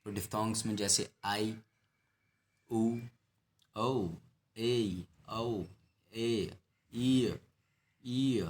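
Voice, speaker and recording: Low-voiced man teaching phonetics. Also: fairly even intonation. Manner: explains slowly, repeats and stretches example words. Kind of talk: phonetics lesson.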